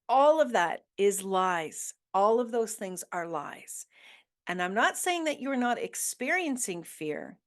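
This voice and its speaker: A woman hosting a motivational talk, coaching listeners with earnest questions and emphatic repetition. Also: mid-range voice. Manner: slow deliberate delivery with emphatic repetition. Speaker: host.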